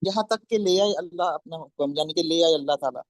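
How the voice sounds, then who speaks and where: A man in an online class, thinking aloud slowly about a translation. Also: a little high, dry recording. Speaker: class participant.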